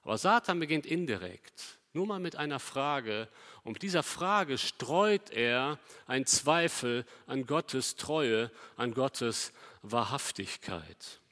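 A man preaching a sermon, emphatic, asking the congregation rhetorical questions and swinging between loud stresses and quiet passages. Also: medium pitch, expressive, takes it slowly, long reverb tail.

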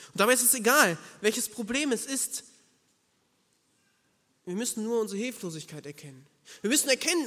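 A man's voice: sits high, a bit bright, long reverb tail. A man preaching a sermon, earnest and emphatic, speaking directly to the listener.

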